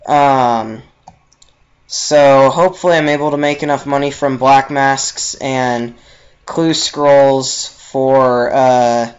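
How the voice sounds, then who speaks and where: Slow, rambling young man gaming. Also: medium pitch, dull audio. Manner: relaxed and rambling, many ums. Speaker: game channel host. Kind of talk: casual gameplay commentary.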